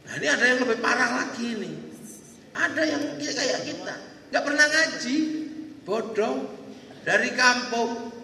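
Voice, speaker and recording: Male preacher, high and gravelly, very bright, echoey hall. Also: measured pace, long pauses. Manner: lively, animated, acts out voices. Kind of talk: humorous storytelling sermon. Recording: echoey hall, distant mic, faint ambience.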